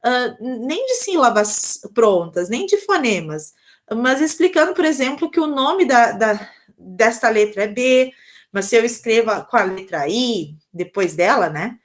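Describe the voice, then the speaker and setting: A Brazilian woman with a slightly high voice teaches a recorded lecture over slides. She explains step by step in a patient, didactic way and keeps checking in with her listeners through short tag questions. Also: sing-song, measured pace. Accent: Brazilian Portuguese. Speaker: teacher giving a lesson on early literacy.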